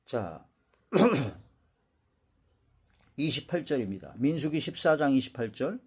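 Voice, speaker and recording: A man giving a Bible exposition, reading verses aloud and explaining them, trailing off quietly at the end of sentences. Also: mid-range voice, big pitch swings, slow, husky. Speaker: Bible teacher.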